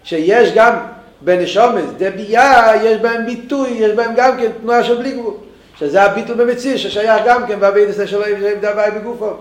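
High-voiced man teaching in an echoey room. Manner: thinks aloud with many restarts. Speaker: Torah teacher.

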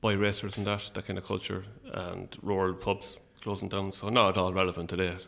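A man with an Irish midlands accent talking casually and a little hesitantly as an interview guest, in a low-key, wry way. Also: flat delivery, a little fast, vocal fry, a bit bright. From Longford, Irish midlands.

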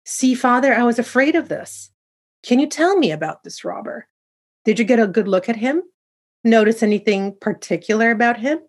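A woman voicing a young man who becomes a mountain robber, speaking earnestly and forcefully. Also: mid-range voice, moderate pace, natural voice. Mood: curious. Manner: earnest, pleading then commanding.

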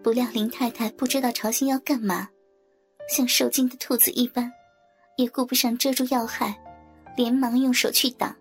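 A woman narrating an audio story in a soft, even reading voice. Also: a little high, moderate pace. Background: faint music.

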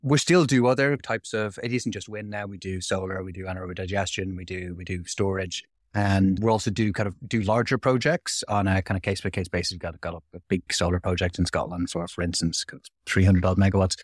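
A man answering interview questions about his energy business, quick and repeating words as he explains. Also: low-pitched, steady tone, no echo, clean studio sound. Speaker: podcast guest, renewable energy developer.

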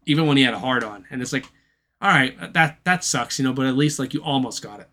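A man's voice: mid-range voice, animated, fast, pushed and bright. A man co-hosting a casual podcast, giving a loose, profane recap of a film's plot. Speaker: podcast co-host. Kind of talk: casual chat.

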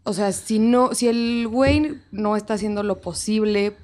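A woman's voice: medium pitch, steady tone, moderate pace, a little mellow. A young Mexican woman in her twenties, co-hosting a casual chat and giving frank advice, mixing in English words. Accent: Mexican Spanish. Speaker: podcast co-host.

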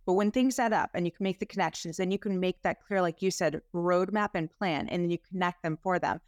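A woman's voice: on the low side, fairly quick, no room sound. A woman health practitioner, a guest on a podcast interview, telling stories about her clients with enthusiasm.

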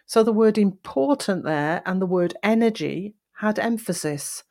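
Give me a lower-voiced woman coaching on speech, deliberate and varied. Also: darkish tone. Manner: deliberate, with demonstrated emphasis and varied pacing. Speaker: voice coach podcast host. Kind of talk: instructional podcast talk.

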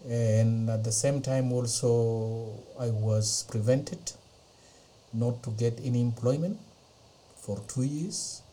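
Middle-aged Ethiopian-born man, non-native English speaker, measured testimony with frequent fillers, warm dark voice, slight hiss behind. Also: medium pitch, low-quality recording. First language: not English. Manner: hesitant, many pauses and fillers. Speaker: interview guest. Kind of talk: slow personal testimony. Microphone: podcast interview mic.

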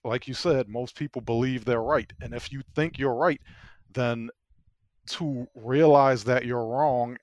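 A man's voice: mid-range voice, no room sound. A man co-hosting a casual political podcast, reflective and self-deprecating, laughing often. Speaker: podcast co-host.

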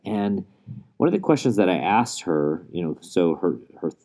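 A man's voice: sits low, very animated, moderate pace, mellow. A male podcast host talking in an earnest, rambling way, recorded under a blanket in a closet so his voice is muffled. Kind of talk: casual solo podcast monologue.

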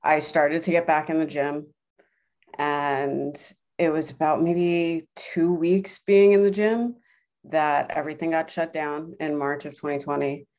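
Low-voiced woman chatting as podcast guest. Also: fairly even intonation, unhurried, darkish tone. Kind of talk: casual interview chat, telling own story.

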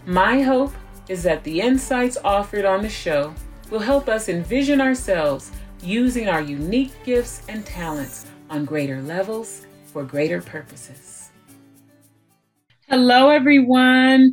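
A woman's voice: medium pitch, fairly bright tone. A woman hosting an interview podcast, reading a scripted intro and then asking encouraging questions. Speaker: podcast host.

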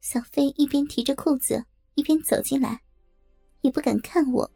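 A woman narrating a first-person audiobook in a confiding tone. Her voice is high but mellow, with a gravelly, husky edge and soft music underneath. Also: normal speed.

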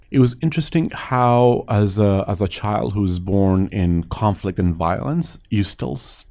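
A man in his late thirties from Afghanistan tells his story with frequent pauses and restarts. His voice sits fairly low and sounds dark and mellow, and he speaks as a guest looking back on his life. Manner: measured, many hesitations and restarts. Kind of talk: reflective interview storytelling.

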